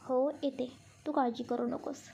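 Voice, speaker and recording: A woman's voice: high voice, flat delivery, unhurried, vocal fry, mellow, a little hiss or hum. A woman voicing a sensitive, easily frightened young woman who scolds and teases in a storybook reading. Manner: reproachful, teasing with her friend.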